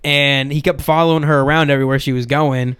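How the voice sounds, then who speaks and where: A man's voice: fairly high pitch, steady tone, fast talker, fairly bright tone, clear, resonant tone. A man hosting a podcast, telling a story in casual chat and filling his talk with "like". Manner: rambling, fills talk with "like". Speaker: podcast host.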